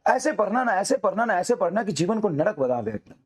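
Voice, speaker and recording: Middle-aged male teacher with a high voice; intense, repetitive exhorting speech to students. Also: very animated, fairly quick, breathy edge. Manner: fiery, exhorting, repetitive urging. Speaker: coaching teacher.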